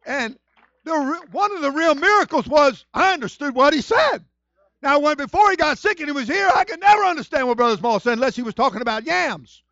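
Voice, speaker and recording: A man preaching a sermon as pastor, moving from quiet storytelling to loud shouted praise. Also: very high-pitched, expressive, brisk, no room sound, dull audio.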